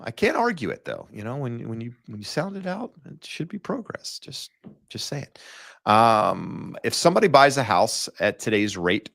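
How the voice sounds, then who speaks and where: A man's voice: lowish voice, gravelly, fairly bright tone, dry recording, studio quality. A man hosting a real estate talk show, chatting loosely with many fillers and restarts. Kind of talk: casual market talk.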